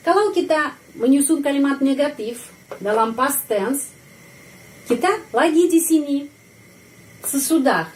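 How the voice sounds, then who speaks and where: Woman, language teacher, patient explanations, slow drawn-out example sentences, fairly high voice. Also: slight background noise. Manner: repeats example sentences slowly, drawing out each word.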